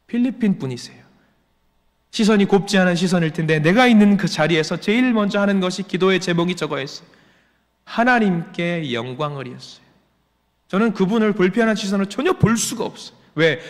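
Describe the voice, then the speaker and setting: A male pastor in his forties preaching a sermon, repeating rhetorical questions with emphasis. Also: high voice. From Jeolla region, Korea. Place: church sanctuary. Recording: long church hall reverb.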